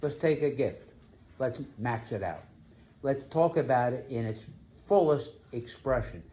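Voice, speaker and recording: A man preaching a sermon as pastor, emphatic, slowing down to stress key phrases. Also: medium pitch, lively intonation, warm tone.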